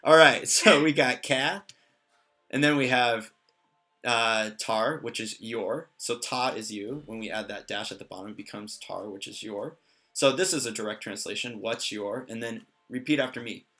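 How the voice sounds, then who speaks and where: A man teaching a language lesson in a relaxed way, with many fillers and joking asides. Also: mid-range voice, moderate pace, soft background music. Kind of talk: casual lesson.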